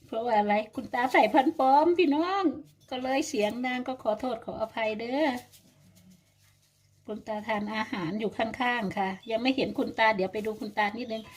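A woman's voice: a little high, normal speed, slight background noise. An older woman, narrating a home cooking vlog and chatting to viewers like friends. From Thailand. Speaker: vlogger. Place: home kitchen.

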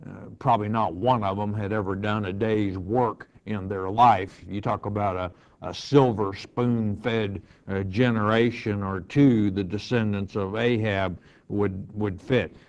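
A man's voice: on the low side, fairly even intonation, unhurried. A male pastor teaching verse by verse, reading scripture aloud and then explaining it in plain words.

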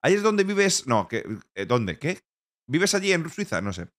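A man's voice: fairly high pitch, very animated, moderate pace, fairly bright tone. A man from Spain streaming live, chatting casually and joking, with playful mock-French and bits of other languages. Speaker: Twitch streamer.

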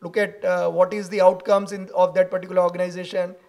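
A man's voice: high-pitched, flat delivery, fast, dark tone. A middle-aged man, a keynote speaker answering audience questions at a podium mic in a lecture hall. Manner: earnest, gesturing while he argues. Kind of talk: conference Q&A answer. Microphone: podium microphone.

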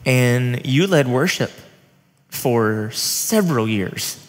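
A man's voice: mid-range voice, lively intonation, slow. Man, thirties, pastor asking questions, casual and friendly, headset mic, long reverb. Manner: friendly, informal, says "dude" and "man". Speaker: lead pastor and interviewer. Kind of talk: casual church interview. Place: church stage set with armchairs. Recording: long reverb of a large hall.

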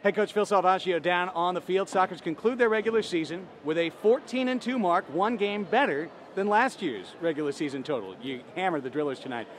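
A high-pitched man reporting from an indoor arena floor after a match. He asks brisk, stat-heavy questions, and faint arena noise hums behind him. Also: lively intonation. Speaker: sports reporter. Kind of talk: postgame field interviews.

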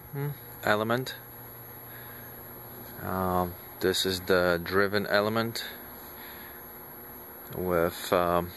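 A man filming himself on a handheld phone outdoors in a small backyard, casually showing off his gear in an unhurried way with many pauses and fillers. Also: low-pitched, a bit bright, a little hiss or hum. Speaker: amateur radio hobbyist. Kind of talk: casual show-and-tell. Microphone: handheld phone camera, shaky video.

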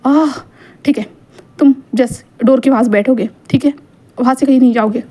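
A woman voicing a calm, protective young man who gently scolds. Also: high-pitched, moderate pace. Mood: firm.

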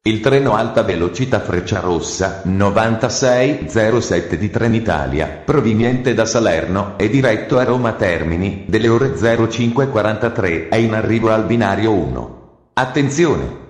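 A man reading formal train station announcements in a measured, even delivery. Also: on the low side, reverberant.

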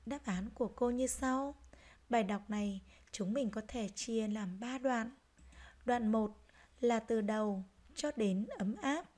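Woman primary teacher, slow and gentle, somewhat high, reading-lesson delivery. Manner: gentle, slow, clearly articulated. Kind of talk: reading lesson for young children.

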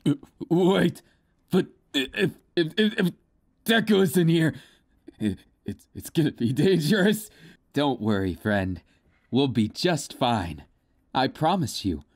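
A man's voice: high-pitched, animated, a little slow, vocal fry, no room sound, studio quality, heavily acted. A man voicing a cocky, villainous teenage boy in a fan audio drama, taunting and menacing, at times stammering as he feigns nerves. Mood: nervous. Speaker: voice actor.

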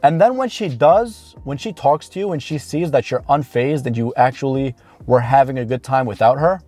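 Parked in his car with music behind him, this roughly thirty-year-old dating coach delivers direct-to-camera advice. His pitch is medium and his tone darkish, and his manner is blunt, casual and emphatic, with key words drawn out.

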